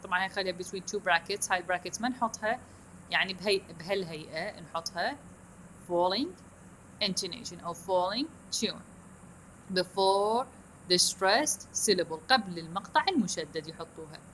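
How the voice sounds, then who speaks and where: Bright-voiced woman teaching English. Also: fairly low pitch, slight background noise, poor audio. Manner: switches between Arabic and English, reads English lines slowly and deliberately. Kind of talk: recorded lecture on intonation.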